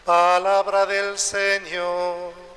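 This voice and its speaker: A man, a priest, reading the gospel at Mass and then giving a slow, measured homily, his voice ringing with the echo of a large church. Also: high voice, monotone, bright, forceful tone, faint music behind. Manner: slow, measured, adds a questioning "eh?". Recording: long church reverb, faint background noise.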